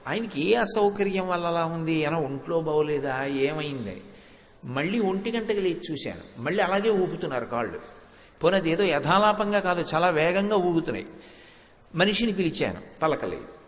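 A man's voice: on the high side, expressive, normal speed. A man giving a devotional discourse from a stage, telling anecdotes and reciting verses, stressing points by repeating words. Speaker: spiritual discourse speaker. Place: stage before an audience. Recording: echoey hall with long reverb.

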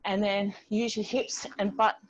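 A woman's voice: medium pitch, flat delivery, measured pace, background noise. A middle-aged woman leading an online exercise class, giving encouraging step-by-step cues as she moves along with the group. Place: outdoor home patio with garden wall. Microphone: distant device microphone on a video call. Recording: dull, band-limited video call audio.

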